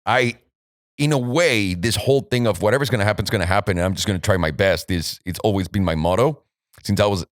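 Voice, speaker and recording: A man's voice: on the low side, quick pace, no echo, clean studio sound. A man from Mexico co-hosting a podcast, telling stories candidly and swearing freely. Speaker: podcast co-host. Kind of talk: casual podcast chat.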